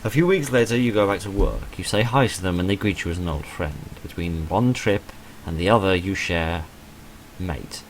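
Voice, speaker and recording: A man with a low voice offers casual let's-play commentary on a video game, reading text aloud and reviewing it. His delivery is measured and understated, mildly hedging in phrasing. The recording is rough, with faint noise behind him.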